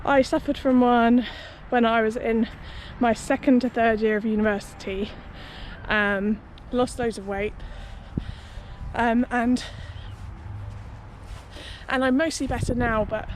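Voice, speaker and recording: This young woman, a running vlogger, has a voice on the high side with fairly even intonation, and she speaks slowly. She chats casually and noncommittally to her vlog audience from beside a busy city road, where street noise and passing traffic fill the outdoor recording.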